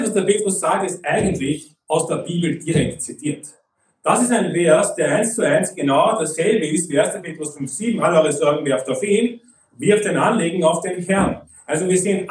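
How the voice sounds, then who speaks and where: A high-voiced man gives a sermon from some distance away from the mic, his voice ringing through a roomy hall. He talks conversationally and keeps checking in with his listeners. He slows down and gets deliberate when reading scripture. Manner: conversational, often asks "nicht?" and "okay?"; reads Bible verses slowly and deliberately. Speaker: preacher.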